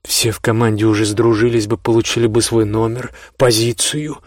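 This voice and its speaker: Husky male audiobook narrator. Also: on the low side, little pitch movement, moderate pace, no room sound, studio quality. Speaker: audiobook reader. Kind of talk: scripted first-person narration.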